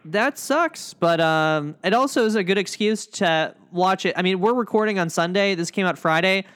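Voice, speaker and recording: A man's voice: high voice, moderate pace, fairly bright tone, smooth. A man co-hosting a podcast in casual chat, chatty and playful. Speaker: podcast co-host.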